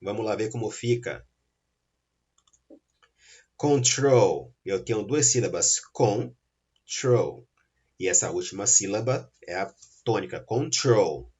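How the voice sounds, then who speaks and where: A man's voice: lowish voice, animated, unhurried, pauses often, a little mellow, breathy edge, highs cut off. A male teacher with a Brazilian Portuguese accent explains grammar rules step by step, often checking in with his students. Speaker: English teacher. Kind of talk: recorded grammar lesson.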